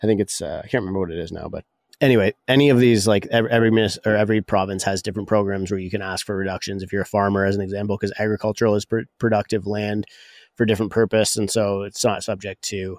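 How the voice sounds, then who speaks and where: A man's voice: lowish voice, fairly even intonation, quick pace, no room sound, clean studio sound. A Canadian man co-hosting a podcast, explaining in a rambling, casual way and often interrupting himself. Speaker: podcast co-host, real estate broker.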